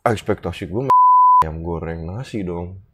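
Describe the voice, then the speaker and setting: A man's voice: deep voice, unhurried, a loud crowd. A young man telling a travel story in a casual interview, acting out the dialogue and swearing casually. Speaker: guest, former cooking contestant.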